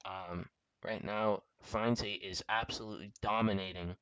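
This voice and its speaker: A man commentating a live sim race, reacting quickly and excitedly to the action on track. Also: on the low side, smooth, no echo, lo-fi sound.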